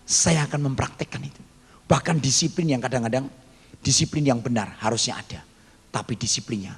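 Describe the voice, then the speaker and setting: A man's voice: mid-range voice, slightly rough. A male pastor preaching a storytelling sermon, acting out the voices in his stories and joking with the congregation. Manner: dramatic, acts out quoted voices, jokes with the congregation. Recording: long hall reverb, faint background noise.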